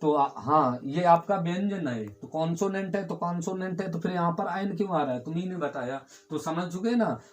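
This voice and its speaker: A man whose voice sits high teaches a grammar lesson to his class. His explanations move step by step with key words repeated, and he often asks the class something and then answers it himself.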